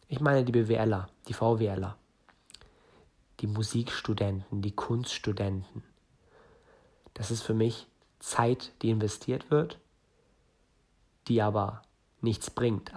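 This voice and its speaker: A man's voice: on the low side, darkish tone. A man in his late twenties from northern Germany, hosting a solo podcast and giving listeners direct career and startup advice. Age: 20s. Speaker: podcast host.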